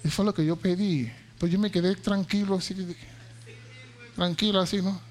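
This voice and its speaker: A male pastor preaching a sermon, telling a personal story that climbs into shouted praise. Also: sits high, steady tone, normal speed. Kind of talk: sermon with testimony.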